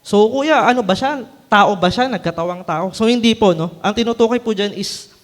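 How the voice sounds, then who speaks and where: A man's voice: high-pitched, normal speed, long reverb tail. A man from the Philippines, a preacher giving a conversational sermon, often checking in with his listeners through short tag questions. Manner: conversational, frequent tag questions and light laughs.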